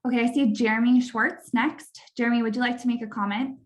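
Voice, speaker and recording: A woman's voice: a little high, fairly even intonation, brisk. A woman moderating an online public hearing, speaking unscripted as she runs the session.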